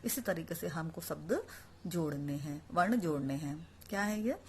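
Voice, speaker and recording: A woman's voice: low-pitched, expressive, moderate pace, a little mellow, a little hiss or hum. A woman teaching a Sanskrit lesson online, explaining each word and then repeating it, asking the class questions and answering them herself.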